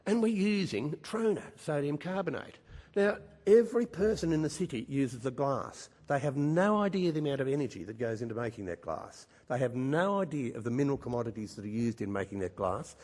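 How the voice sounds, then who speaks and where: An older man with a slightly high, darkish voice delivers a speech at a mining conference. He is emphatic and wry, packing his talk with rhetorical questions. The conference hall is reverberant.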